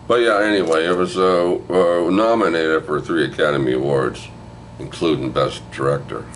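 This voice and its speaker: A man's voice: very deep voice, steady tone, moderate pace, slight background noise. An older man hosting a movie review video, retelling a film in a casual, rambling, profane way with frequent asides to the listener.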